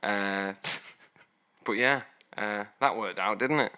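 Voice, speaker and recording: Bright-voiced giggly podcast host. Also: male voice, lowish voice, slow pace, smooth. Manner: giggly, joking, sweary. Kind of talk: casual chat.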